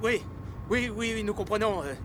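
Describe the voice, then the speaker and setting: An actor playing a terrified husband who pleads nervously with a dangerous cop in a TV film. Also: male voice, sits high, animated, normal speed. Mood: panicked. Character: terrified husband in the back of a police car. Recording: film soundtrack with heavy car noise.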